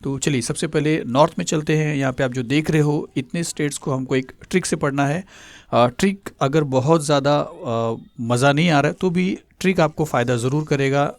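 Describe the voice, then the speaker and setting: A male tutor explaining a memory trick step by step, pausing often with filler sounds. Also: fairly high pitch, dry recording. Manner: hesitant, many filler sounds.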